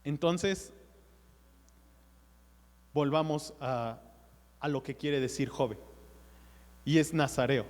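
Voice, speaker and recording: A man preaches a sermon, his voice sitting a little high for a man. He talks earnestly and directly to his listeners as brothers. The sound carries a long reverb from the church hall. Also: takes it slowly, long pauses, a little mellow.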